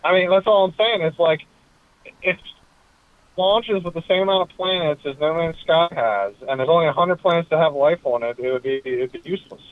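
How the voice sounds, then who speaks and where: A man's voice: fairly high pitch, fairly quick, no room sound. A man calling in from his car over a clipped phone line, chatting casually with strong opinions and plenty of fillers. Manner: opinionated, full of "like" and "you know". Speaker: caller. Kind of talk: casual call-in chat.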